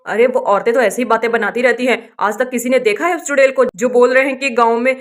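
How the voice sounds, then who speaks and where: A woman voicing a young village husband in a doll story who calmly brushes off his wife's fears. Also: a little high, fast talker, natural voice. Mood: dismissive.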